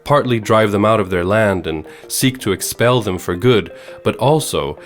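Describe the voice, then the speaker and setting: A man from Sweden hosting a podcast, giving measured, earnest scripted narration. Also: fairly low pitch, faint music behind. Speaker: podcast host.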